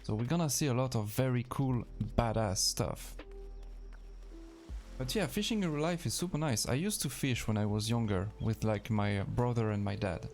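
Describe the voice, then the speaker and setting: A man's voice: medium pitch, lively intonation, normal speed, a little mellow, soft background music. A man with a French accent, a native French speaker, chatting casually on a live stream while playing a game and answering his chat.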